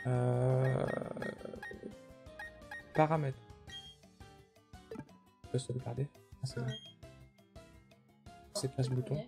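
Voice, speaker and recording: A young French man streaming a video game and chatting casually, relaxed, with fillers and the odd swear word. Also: mid-range voice, takes it slowly, creaky, long pauses, soft background music. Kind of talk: casual chat.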